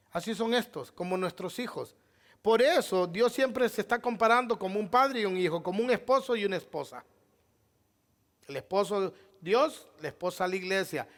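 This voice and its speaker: Male pastor preaching, really high voice, keeps asking the church questions. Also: fairly bright tone. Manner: preaching with rhetorical questions, often addressing "amado hermano". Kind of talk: sermon.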